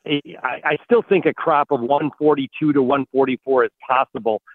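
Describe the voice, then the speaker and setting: A man analysing farm markets as a guest on a call-in radio interview, heard over a buzzy, glitchy phone connection that breaks up, talking in halting bursts with repeated words. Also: mid-range voice, no echo. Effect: buzzy, glitchy phone call audio that breaks up. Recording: dry, tinny phone line.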